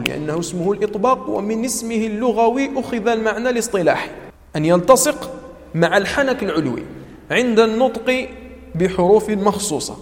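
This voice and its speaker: A man teaching tajweed to a class. He repeats key terms, quizzes his students and recites Quranic words slowly as examples. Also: sits high, long reverb tail. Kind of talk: classroom lecture.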